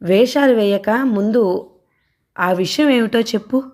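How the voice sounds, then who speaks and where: A woman voicing a sulky young husband who keeps pressing his wife for news in an audio novel, with no deepening of her voice. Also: slow pace, darkish tone. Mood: insistent. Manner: pleading, insistent demands.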